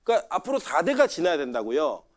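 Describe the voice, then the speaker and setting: Lively Korean pastor preaching conversationally. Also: male voice, a little high, fast talker. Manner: conversational, asks the congregation questions and acts out quotes. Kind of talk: sermon.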